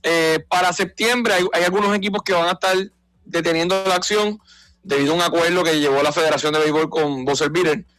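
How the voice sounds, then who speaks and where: A man's voice: on the high side, fairly even intonation, a little fast, fairly bright tone, no echo, faint music behind, rough recording. Man, baseball radio talk, emphatic explainer, dry studio sound. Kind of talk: casual sports talk.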